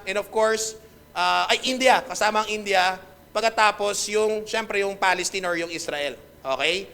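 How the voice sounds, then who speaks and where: Male pastor, high bright voice, lively preaching that quizzes the congregation. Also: smooth. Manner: animated, asks the congregation questions and mixes in English. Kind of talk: sermon.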